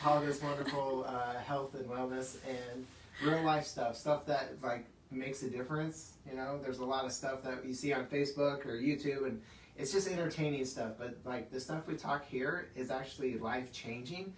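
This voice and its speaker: A man's voice: medium pitch, steady tone, moderate pace. A man hosting a casual health talk from his clinic, chatty and laughing often, with plenty of fillers. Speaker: chiropractic clinic host. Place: clinic room. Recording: echoey room, mic at a distance, faint hiss.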